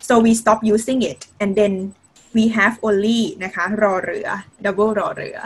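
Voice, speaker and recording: A woman's voice: medium pitch, fairly even intonation, very slow, rough recording. A woman teaching Thai in a video-call lesson, mixing simple English with Thai and adding polite particles often. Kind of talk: online language lesson.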